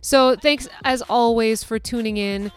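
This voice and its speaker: As a self-described nervous person, this veterinary technician tells work stories on her casual podcast, chatting and poking fun at herself while frequently starting over. She speaks at a measured pace in a slightly high voice.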